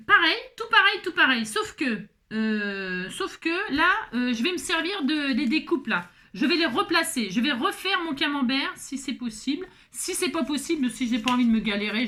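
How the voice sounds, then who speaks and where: A woman with a fairly high voice talks viewers through a craft project in a loose, chatty way. She keeps tossing in "hein" and joking asides, often poking fun at herself. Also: a bit bright. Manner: chatty, peppers talk with "hein" and playful asides; jokey and self-mocking. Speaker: craft vlogger. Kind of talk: casual crafting tutorial.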